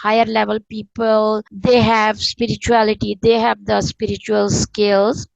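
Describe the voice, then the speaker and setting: A woman who speaks Urdu appears as an interview guest, an author and spiritual teacher, explaining spirituality in a conversational way. She is earnest and repeats phrases for emphasis, with a medium-pitched voice and vocal fry. The recording is low quality with no echo.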